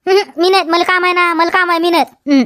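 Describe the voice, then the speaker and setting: A woman's voice: very high voice, fairly even intonation, quick pace, fairly bright tone, dry recording, clean studio sound. A woman with a Vidarbha Marathi accent playing a quarrelsome village wife who argues back and repeats her questions in a comedy sketch. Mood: dismissive. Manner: argumentative, repeats questions, tags "हा?".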